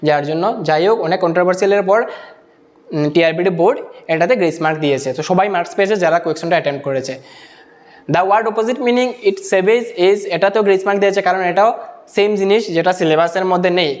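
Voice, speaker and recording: A man working through exam answers, reading each English question out slowly and then explaining it in Bengali mixed with English terms. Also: high voice. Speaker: exam-prep teacher.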